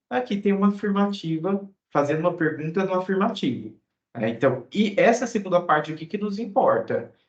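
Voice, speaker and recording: A Brazilian man with a Brazilian Portuguese accent walks through a grammar lesson and keeps checking in with his students. He acts out little dialogues, saying the English lines slowly. His voice sounds roomy and a little muffled. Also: fairly high pitch. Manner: explains step by step, often checking with "né?" and "ok?"; acts out short example dialogues, reading English phrases slowly. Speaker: English teacher.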